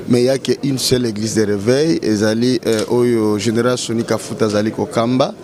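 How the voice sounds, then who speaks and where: Hesitant pastor amid a crowd. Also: male voice, mid-range voice. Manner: hesitant, many fillers, calm. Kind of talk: statement to press. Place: outdoors at a hotel.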